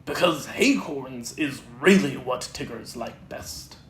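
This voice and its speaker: A reader voicing Tigger, a bouncy, cheerful, boastful young male tiger who talks loudly, in a storybook reading. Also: medium pitch, expressive, slow pace, a crowd in the background. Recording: roomy echo, faint background noise.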